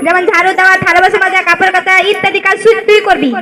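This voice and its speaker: Woman voicing a nasty young daughter-in-law, high, quick harsh scolding, loud crowd behind. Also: flat delivery.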